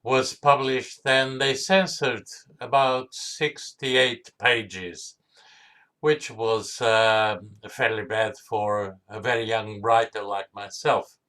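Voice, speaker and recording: A man in his seventies from Portugal with a Portuguese accent touched by Australian English, giving a measured talk full of memories and pauses. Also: fairly low pitch, fairly even intonation, bright, forceful tone. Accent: Portuguese with Australian tones. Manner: slow, measured, with hesitations. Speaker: guest speaker. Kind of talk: storytelling talk.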